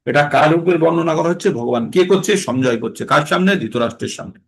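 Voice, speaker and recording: A man teaching a scripture class who explains verses, asks questions and answers them himself, and chants Sanskrit verses in a slow sung tone. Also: fairly high pitch, animated, gravelly.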